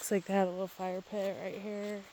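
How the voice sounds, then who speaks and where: A woman's voice: mid-range voice, level tone, brisk, warm tone. Chatty woman outdoors by a babbling creek. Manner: chatty, talking while walking. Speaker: real estate agent filming a property walkthrough. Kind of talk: casual narrated outdoor video tour. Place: outdoors on a wooded property by a creek. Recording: faint outdoor background noise. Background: outdoor ambience by a babbling creek.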